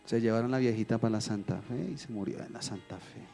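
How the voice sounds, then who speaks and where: A man's voice: mid-range voice, quick pace, gravelly, faint music behind. A male pastor preaching a sermon, telling stories and acting out quotes in a church. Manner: animated storytelling with acted quotes.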